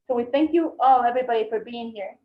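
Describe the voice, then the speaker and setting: A woman's voice: a little high, fast. A woman interpreting live on a video call, hesitant with fillers and restarts, heard over a bad internet connection. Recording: muffled, echoey video call audio.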